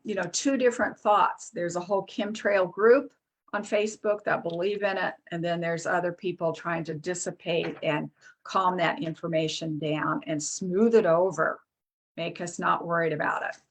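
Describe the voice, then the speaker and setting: Low-voiced woman presenting casually. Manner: chatty, halting, with many fillers and restarts; reads lists aloud off a screen. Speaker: product presenter.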